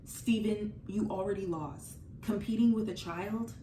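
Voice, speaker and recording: Medium in pitch and dark in tone, this woman's voice comes with slight background noise. She's in her twenties and offers chatty, emphatic movie commentary full of "like," speeding up one moment and dragging words out the next.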